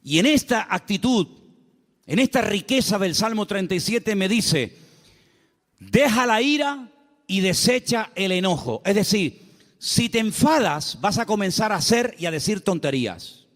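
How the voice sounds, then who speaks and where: A man's voice: high-pitched, animated, normal speed. A male pastor with a Canarian accent, preaching a sermon in a church, folksy and full of rhetorical questions. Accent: Canarian Spanish. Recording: long reverb of a church hall.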